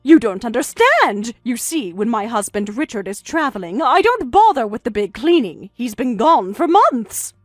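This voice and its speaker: A woman's voice: on the high side, big pitch swings, normal speed, few pauses, dry recording, studio quality, soft background music. A woman voicing a defensive older mother-in-law who pleads and makes excuses, in a synthetic text-to-speech read.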